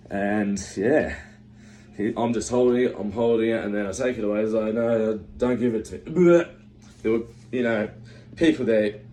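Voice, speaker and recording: A man's voice: fairly low pitch, a little mellow, a little hiss or hum. A young Australian man giving a comic storytelling speech, acting out his friends' voices and swearing casually. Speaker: speech giver.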